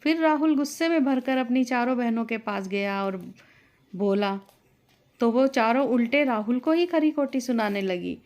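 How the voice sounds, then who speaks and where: A woman narrating a scripted family story in a steady, plain storytelling manner. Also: fairly high pitch, moderate pace, muffled recording.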